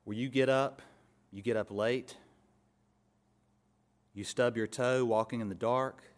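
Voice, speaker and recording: A male pastor preaching an expository sermon, building to emphatic peaks and dropping to soft asides. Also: mid-range voice, fairly even intonation, a little slow.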